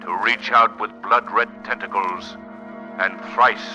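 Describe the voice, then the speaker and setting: Creepy menacing old-time radio avenger, low and slow, drags out words theatrically. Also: male voice, fairly even intonation, muffled recording, over loud music. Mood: sinister, mocking. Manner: ominous, theatrical, drawn-out delivery. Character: the Shadow, sinister menacing invisible crime fighter. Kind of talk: 1940s radio acting. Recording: old 1940s radio recording.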